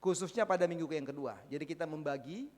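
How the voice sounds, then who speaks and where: A man giving church announcements to his congregation, an animated storyteller who keeps addressing them directly. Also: on the high side, fast. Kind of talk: church announcements with a told anecdote. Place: church hall. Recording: long hall reverb.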